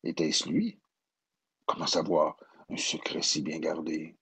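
A man with a Quebec French accent narrating a children's storybook in an expressive, gentle way. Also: very deep voice, takes it slowly, vocal fry, slightly rough.

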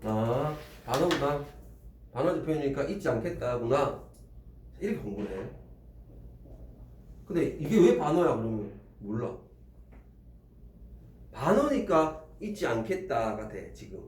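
A man teaching a classroom lesson, animated and teasing as he quizzes students. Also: medium pitch, measured pace, pauses often. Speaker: Korean language tutor. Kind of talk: classroom lecture. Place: small classroom. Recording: roomy classroom, faint ambience.

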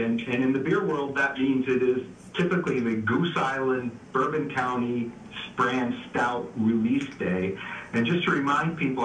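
A man's voice: mid-range voice, a bit bright. Male radio contributor, easygoing and chatty with lots of restarts, sounding distant and echoey. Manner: easygoing, explains with frequent "uh" and restarts. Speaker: beer news contributor. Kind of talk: casual radio chat. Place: remote call into a radio show. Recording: echoey, distant, faint background noise.

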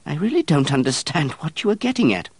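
A man's voice: a little high, sing-song, brisk, slightly rough, no echo, pitched above the performer's own voice, full character voice. A man doing a fussy, put-upon old monk. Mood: fretful. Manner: peevish, complaining, rising to shouts. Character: easygoing, fussy middle-aged male monk. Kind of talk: audiobook character voice.

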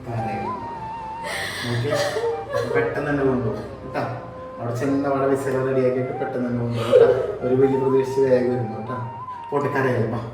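A man's voice: medium pitch, steady tone, quick pace, very echoey, recorded from a distance, over music, natural voice, poor audio. A man playing a husband about to leave for a Gulf job, coaxing and soothing his wife in an amateur short film.

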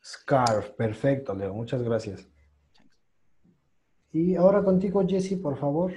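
A man's voice: on the high side, measured pace, dark tone, slight background noise. A man teaching English pronunciation in an online class, patiently drilling sounds and encouraging students.

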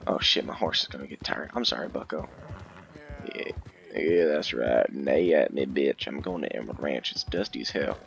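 A man's voice: extremely low pitch, moderate pace, gravelly, fairly bright tone. A tired man with a headset microphone commentating a western game late at night, talking in a folksy, profane mock-cowboy drawl. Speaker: gamer playing a western game.

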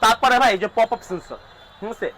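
A drone shop salesman with a Bangladeshi Bengali accent rattles off prices in a fast, repetitive sales patter, checking in with "all right?" along the way. His voice is high-pitched and fairly bright with lively intonation, and the recording quality is low.

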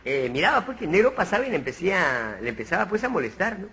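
A male comedian with a Peruvian Spanish accent, telling jokes as an animated storyteller who laughs along. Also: high-pitched, quick pace, heavy background noise. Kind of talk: joke telling.

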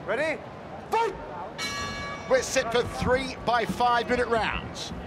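A man's voice: very high-pitched, slow pace. A man giving play-by-play MMA commentary in punchy, theatrical phrases. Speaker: fight commentator. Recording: loud crowd and music behind. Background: arena crowd and music.

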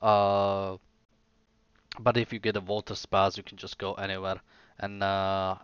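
A man's voice: low-pitched, completely flat delivery, unhurried, a bit bright, clear, resonant tone, no echo, muffled recording. A sleepy young man who is losing his voice, chatting casually on a live stream, rambling and hesitant with many fillers and restarts.

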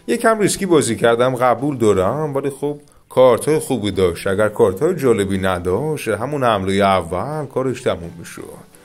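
A man with an Iranian Persian accent giving chatty, excited commentary on a mobile game, often addressing his viewers as dear friends. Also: mid-range voice. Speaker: gaming YouTuber. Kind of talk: casual gameplay commentary.

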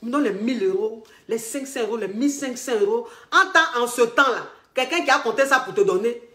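A woman with an Ivorian French accent, working as a relationship coach, telling comic stories. She is expressive, repeats herself, laughs often and acts out the dialogue. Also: fairly high pitch, fairly quick. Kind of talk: animated comic storytelling. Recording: echoey room.

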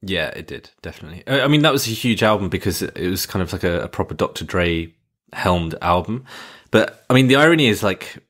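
Male podcast co-host with a very deep voice, laid-back chatter. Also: lively intonation, fast, fairly bright tone. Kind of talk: casual chat.

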